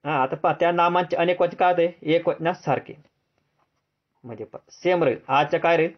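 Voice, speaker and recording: A man with a Marathi accent teaching a grammar lesson, drilling students with repeated questions and answering them himself in a lower, softer voice. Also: a little fast. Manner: answers drop low and soft. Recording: dull lo-fi sound.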